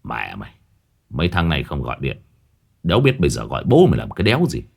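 A bitter, foul-mouthed drunk, as a storyteller puts him on. He slurs and grumbles from low in his voice. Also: very animated, fairly quick, fairly bright tone. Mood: drunken grumbling. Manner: slurred, grumbling. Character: drunk, slurring, foul-mouthed deadbeat husband.

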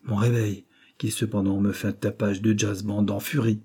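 A man's voice: on the low side, moderate pace, slightly rough. A man reading aloud, voicing a blunt young male chauffeur-mechanic who talks in colloquial slang. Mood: worried. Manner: colloquial, animated working-class talk.

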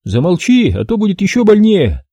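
A man voicing a brash, crude prankster sidekick who jokes loudly and mockingly in an audiobook. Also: sits high, wildly swooping pitch, normal speed, no echo, voice pushed up, heavily acted. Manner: mocking, cheeky, loud.

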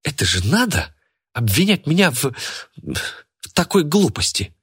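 Guy doing a touchy young woman in a storybook, shrill and way up high. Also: normal speed, dry recording, studio quality, close to an everyday voice. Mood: indignant. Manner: shrill outbursts. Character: hot-tempered young woman, easily offended.

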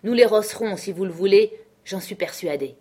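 A woman's voice: medium pitch, normal speed, darkish tone, breathy edge, lightly acted. A woman voicing a stern, commanding male sea captain in a read-aloud novel. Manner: firm, commanding, reproachful. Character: stern commanding ship captain, man, unyielding.

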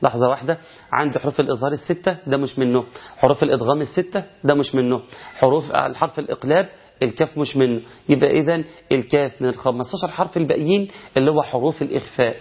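Egyptian-accented male tajweed teacher, fast and animated, self-questioning delivery, slightly muffled lo-fi recording. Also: mid-range voice, breathy edge. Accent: Egyptian Arabic. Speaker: Quran recitation teacher. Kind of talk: colloquial recitation lesson.

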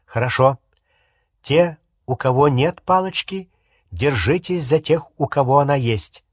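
A man voicing a young wizard disguised as a powerful official, talking with booming authority. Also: unhurried, no room sound, studio quality, close to an everyday voice. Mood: urgent commanding. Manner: commanding, booming.

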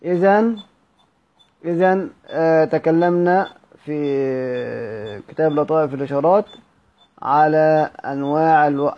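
High-voiced Egyptian man teaching recitation. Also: lo-fi sound. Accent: Egyptian Arabic. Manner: repeats key words, quizzes listeners with rhetorical questions. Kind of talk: Egyptian Arabic lesson on recitation rules.

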